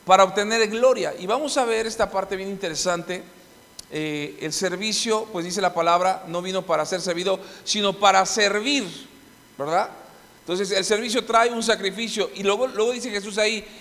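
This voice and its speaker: A man's voice: high voice, fairly bright tone, in a large hall. A middle-aged man preaching a sermon as pastor, emphatic, with frequent restarts and rhetorical questions to the congregation. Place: church hall.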